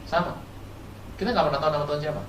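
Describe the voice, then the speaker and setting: A pastor preaching a sermon, quizzing the congregation and swinging between loud high bursts and quiet low asides. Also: racing, a little hiss or hum. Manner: animated, keeps quizzing the congregation. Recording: echoey hall from far off, faint ambience.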